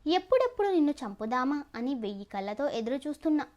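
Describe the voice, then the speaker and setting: A woman's voice: high-pitched, very animated, fast talker, a little mellow. A woman voicing a cruel young male villain in an audio story, taunting and threatening. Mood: menacing. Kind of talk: storybook narration.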